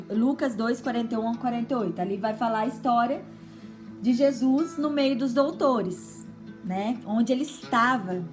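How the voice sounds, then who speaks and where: Brazilian lady preaching to moms, high voice, lots of little "right?" check-ins, quiet guitar under it. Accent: Brazilian Portuguese. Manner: chatty teaching tone with frequent tag questions. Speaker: women's ministry preacher. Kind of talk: conversational sermon.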